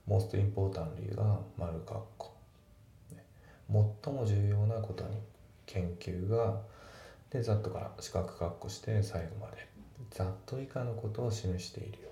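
A man teaching English grammar and pronunciation in a calm, methodical way, reading example sentences slowly. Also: lowish voice. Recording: echoey room with faint background noise.

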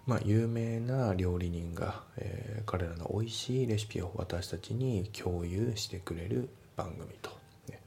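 A man teaching English, breaking sentences into parts and reading English lines slowly, then explaining pronunciation. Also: low-pitched, creaky, warm tone, a little hiss or hum.

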